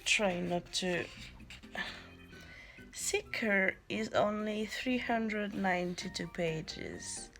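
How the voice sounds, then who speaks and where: A young woman speaks very slowly, in a relaxed, casual reading-vlog way. Her voice has a gravelly, creaky edge, and she often pauses to think aloud. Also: fairly low pitch. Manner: slow, unhurried, thinking aloud. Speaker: book vlogger. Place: in her bed at home.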